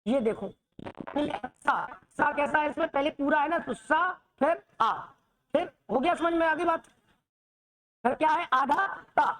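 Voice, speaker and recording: In a classroom lesson on the Hindi alphabet, a woman with a high-sitting voice asks questions, answers them herself, and checks often that students are following.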